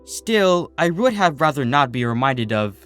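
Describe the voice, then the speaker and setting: A man voicing a regal, gentle pony princess in a storybook reading, with formal, old-fashioned phrasing. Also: medium pitch, big pitch swings, unhurried, soft background music. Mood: sad, halting. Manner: formal, archaic turns of phrase.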